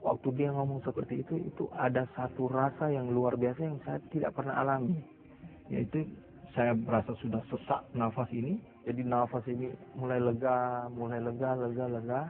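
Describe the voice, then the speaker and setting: A man's voice: mid-range voice, level tone, normal speed. A middle-aged man giving an earnest, confessional personal testimony in an interview. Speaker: testimony speaker. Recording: tinny phone-like sound.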